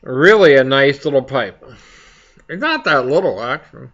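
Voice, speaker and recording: A man hosting a casual, rambling chat for viewers, speaking haltingly as he searches for his words. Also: medium pitch, expressive, fairly bright tone, muffled recording. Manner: halting, slow to find words. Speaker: pipe hobby video host.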